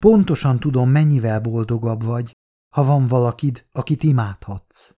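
A man voicing a frail, stubborn young woman near death, speaking softly, hoarse and teasing. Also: medium pitch, animated, close to an everyday voice. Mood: insistent.

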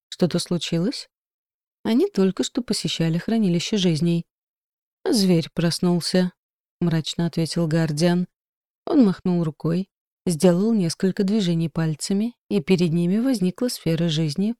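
A female audiobook narrator delivers scripted narration in a warm, low voice at a moderate pace. The recording is dry and of studio quality.

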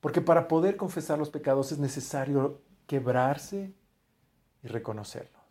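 A man preaching a sermon in a conversational way, often restarting phrases and letting his voice fall quiet at the end of a thought. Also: on the high side, lively intonation, moderate pace. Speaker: pastor.

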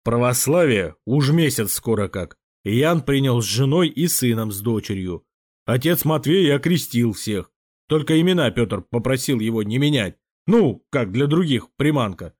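A man voicing an agitated elderly prince who shouts in a cracking voice, in an audiobook. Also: mid-range voice, expressive, moderate pace, natural voice. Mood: worried. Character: agitated elderly Russian prince, old friend. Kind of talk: audiobook character voice.

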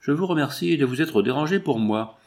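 A man's voice: on the high side, animated, a little fast, darkish tone, pitched above the performer's own voice. A man doing a jovial, folksy young mechanic. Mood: hearty. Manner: folksy, exclamatory slang. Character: jovial young working-class mechanic, talkative, hearty.

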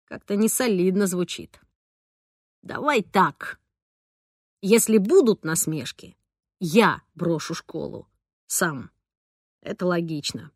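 A woman reading the part of a sulky, stubborn teenage boy in an audiobook, in a low, muffled, grumbling voice. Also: expressive, slow, pauses often, no room sound, clean studio sound, full character voice.

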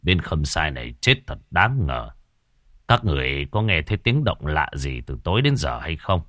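A man's voice: extremely low pitch, big pitch swings, normal speed, fairly bright tone, no room sound, clean studio sound, voice pushed down, heavily acted. A man voicing a grave, commanding middle-aged magistrate. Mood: stern.

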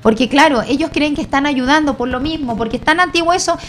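Una mujer con acento chileno en una charla casual, narra anécdotas animadas e imita las voces que cita. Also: female voice, high-pitched, fast talker. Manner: animated storyteller, acts out quoted voices. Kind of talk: casual radio chat. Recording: faint background ambience.

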